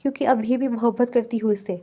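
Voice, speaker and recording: A woman's voice: on the high side, steady tone. A woman reading the lines of a proud, heartbroken young woman in an audiobook novel. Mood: hurt. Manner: proud, sharp.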